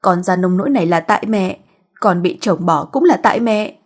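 A woman voicing a bitter grown daughter who shouts back accusingly, in a husky voice. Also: medium pitch, lively intonation, normal speed.

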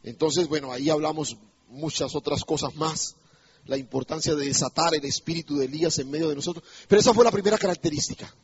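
A male pastor delivers an emphatic sermon, often turning to the congregation with questions. His voice sits high and sounds husky. The recording is dull and lo-fi, as if captured in a church. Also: fast.

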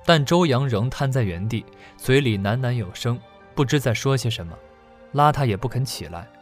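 A man narrating a serialized novel in a steady storytelling voice. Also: medium pitch, moderate pace, soft background music. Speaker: audiobook narrator. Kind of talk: scripted narration.

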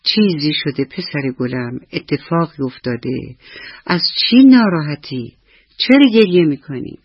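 A woman storyteller voicing a kind mother squirrel, speaking tenderly and coaxingly with a husky voice. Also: deep voice, dry recording, muffled recording.

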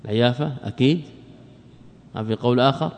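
A man teaching a classical religious text in a lesson, explaining slowly, repeating key phrases and quizzing his students. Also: mid-range voice, a little mellow. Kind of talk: classical Arabic study lesson. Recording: long reverb of a lecture hall.

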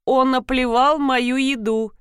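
A woman's voice: high voice, steady tone, a bit bright, clean tone, no room sound, clean studio sound, pitched above the performer's own voice. A woman voicing a laid-back, teasing young man who is the heroine's best friend in an audiobook. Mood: easygoing. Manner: slow, unhurried, teasing.

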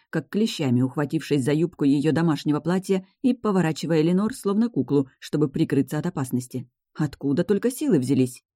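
A woman narrating a storybook chapter aloud, with expressive storytelling. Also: fairly low pitch, no room sound, clean studio sound. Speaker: audiobook narrator. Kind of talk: scripted narration.

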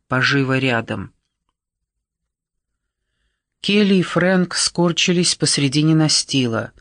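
A man's voice: on the high side, dry recording. Man narrating a thriller audiobook, dry. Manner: measured, dramatic delivery with slowed phrases.

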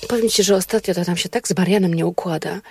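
A woman's voice: lowish voice, fast, creaky, a little mellow, slightly rough, no room sound, soft background music. A woman performing a comic monologue that jumps between fussing, pushing food on people and complaining, talking in a pushy, chattering way. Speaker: comedy sketch performer.

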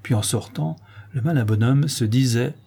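Man, audiobook narration, husky, dark tone, measured. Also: medium pitch. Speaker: audiobook reader. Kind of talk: narrating a classic novel.

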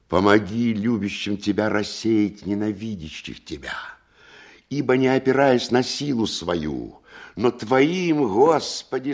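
A middle-aged general of a period drama, pious and commanding. His low voice moves freely up and down as he speaks with solemn, theatrical courtesy. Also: vocal fry, husky, exaggerated voice. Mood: prayerful. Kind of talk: dramatic screen acting.

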